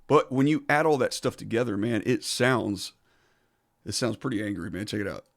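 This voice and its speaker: A man casually walking through how he recorded his own song, talking in a relaxed, conversational way. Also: fairly low pitch, normal speed, gravelly. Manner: laid-back and conversational, says "man" and "so". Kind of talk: casual studio walkthrough.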